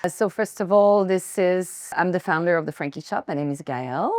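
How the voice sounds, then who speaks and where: A woman with a French accent, founder of a fashion brand, giving a chatty, slightly halting welcome speech to guests at her shop event. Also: on the low side, darkish tone, no echo, studio quality. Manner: chatty, self-deprecating, searching for words. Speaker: brand founder hosting a styling session.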